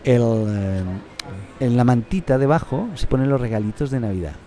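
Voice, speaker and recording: A man's voice: medium pitch, normal speed, dark tone. A man with a Catalan accent hosting a casual podcast, rambling and joking with lots of restarts. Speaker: podcast host.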